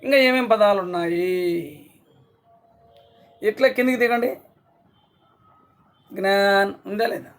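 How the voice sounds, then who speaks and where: A man teaching a class online, sounding out syllables slowly and often checking that students follow. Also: high voice, faint music behind. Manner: slow syllable-by-syllable explaining, frequent checks.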